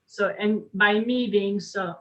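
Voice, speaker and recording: A woman's voice: mid-range voice, takes it slowly, a bit bright. A woman speaking openly and outspokenly in a casual online group discussion. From France. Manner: outspoken, open. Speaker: participant. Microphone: video call. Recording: dull lo-fi video call audio.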